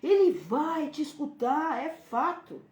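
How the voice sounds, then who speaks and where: A Brazilian woman hosting a parenting live stream, giving advice and acting out gentle talks with a child. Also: high-pitched, animated, slow pace, roomy sound. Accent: Brazilian Portuguese. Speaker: parenting channel host.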